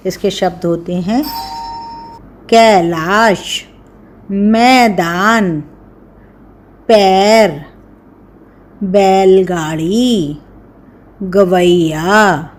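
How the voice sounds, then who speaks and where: A woman reads out words for learners in a steady, mid-range voice. She speaks extremely slowly, stretching each word and pausing between them. Her delivery is careful and clear, like dictation in a classroom. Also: mid-range voice. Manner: very slow, careful, drawn-out word by word. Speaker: teacher. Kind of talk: slow dictation of words and sentences.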